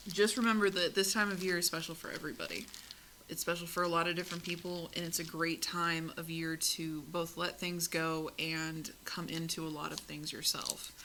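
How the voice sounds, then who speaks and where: A woman's voice: lowish voice, noisy background. A woman co-hosting a podcast in casual chat, laughing often, swearing freely and rambling between topics into a close mic. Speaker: podcast co-host.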